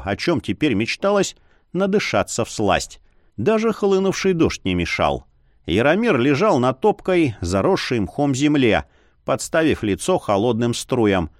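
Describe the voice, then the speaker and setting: A man's voice: medium pitch, no echo, studio quality. A man reading a fantasy audiobook in scripted narration and giving each character his own voice. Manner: expressive, changes voice for each character.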